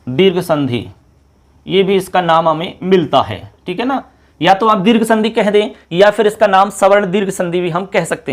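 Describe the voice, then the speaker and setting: A man teaching a class at a board, patiently spelling out each example and repeating it slowly, often checking that the students follow. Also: high-pitched. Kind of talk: classroom lecture.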